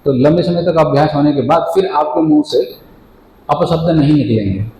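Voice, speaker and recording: A man's voice: fairly high pitch, warm tone. Patient man giving a devotional sermon. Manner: patient, explanatory, asks and answers own questions; chants the divine name slowly and drawn out. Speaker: spiritual teacher. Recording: echoey room with faint ambient noise.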